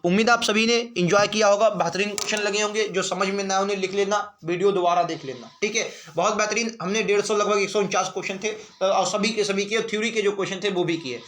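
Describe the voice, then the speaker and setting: Brief: male online tutor, high voice, drills answers by repetition, rhetorical questions. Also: fairly even intonation, quick pace, few pauses, fairly bright tone. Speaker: exam prep teacher. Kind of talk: online spelling class.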